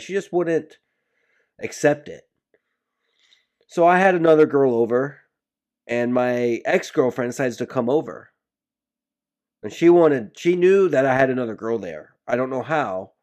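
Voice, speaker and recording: A man co-hosting a podcast, telling stories in an animated, joking way in a casual chat. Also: mid-range voice. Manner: animated storytelling with laughs. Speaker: podcast co-host.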